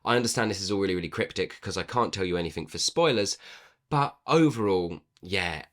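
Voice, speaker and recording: A man with a low voice that swoops up and down a lot, talking through a casual book review. He is playful and animated, and pokes fun at himself. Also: fairly quick. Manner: animated and playful, self-mocking asides.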